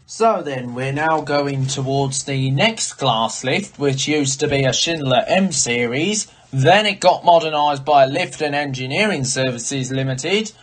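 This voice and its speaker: A man's voice: medium pitch, animated, unhurried, few pauses. A man giving an informal video tour as an enthusiastic hobbyist, explaining details as he goes. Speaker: vlogger giving a tour of lifts. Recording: background noise, varying distance from mic.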